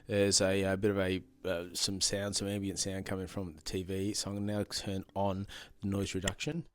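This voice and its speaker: Deep-voiced and speaking at a moderate pace with little pitch movement, a man reviews products casually to camera. He repeats himself and talks into a handheld wireless interview microphone.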